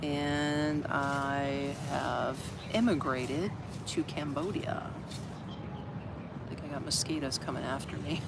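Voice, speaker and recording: Street traffic hums behind an older American livestream vlogger from Orlando, Florida, who sits in an open shed in a city park outdoors. Speaking slowly in a steady, medium-pitched voice, he rambles and reads viewer comments.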